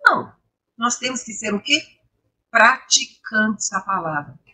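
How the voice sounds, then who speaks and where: A woman from Brazil teaching English online, mixing in Bible reflections, explaining patiently and asking her class rhetorical questions, her voice a little hoarse. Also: fairly high pitch, animated, unhurried, bright, forceful tone, rough recording. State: slightly hoarse, coughing. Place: home, live stream.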